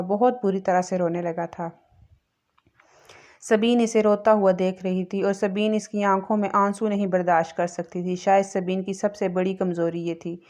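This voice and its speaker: A woman's voice: mid-range voice, warm tone. Woman narrating a romance novel. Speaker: audiobook narrator.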